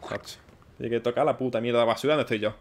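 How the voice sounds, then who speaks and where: A young man giving excitable, swearing let's play commentary, yelping at scares. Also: medium pitch, quick pace, background noise. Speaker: gaming YouTuber. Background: game music.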